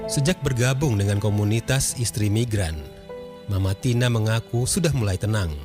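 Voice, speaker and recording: A man's voice: lowish voice, moderate pace. A man reading a formal, scripted radio news narration. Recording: music behind the voice. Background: music.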